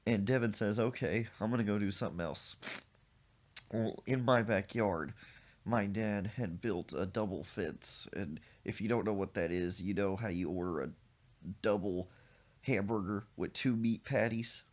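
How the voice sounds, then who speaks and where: A man hosting a podcast, telling a rambling, animated comic story. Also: on the low side, a little slow, muffled recording. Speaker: podcast host.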